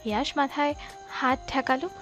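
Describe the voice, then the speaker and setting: A woman narrating a romantic audio story in a soft, steady storytelling voice. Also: high-pitched, moderate pace, soft background music. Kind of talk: scripted narration.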